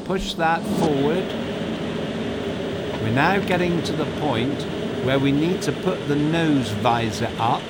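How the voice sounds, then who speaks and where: Reading scripted second-person narration as a host, a man with a rather high voice speaks slowly, guiding the listener step by step as if through a flight. His instructive delivery addresses the listener directly. Steady aircraft cabin noise and engine hum sit behind him.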